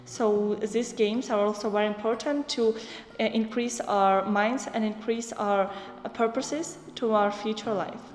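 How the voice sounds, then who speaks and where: A young woman describing a youth exchange project in halting English with many fillers. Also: medium pitch, steady tone. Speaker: project participant. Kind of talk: interview answers in non-native English. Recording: echoey hall.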